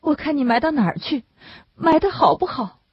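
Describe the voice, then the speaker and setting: A woman reader voicing a desperate grieving young mother who pleads in a high, tearful voice. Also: big pitch swings, normal speed, no room sound. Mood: anxious. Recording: dull lo-fi dry recording.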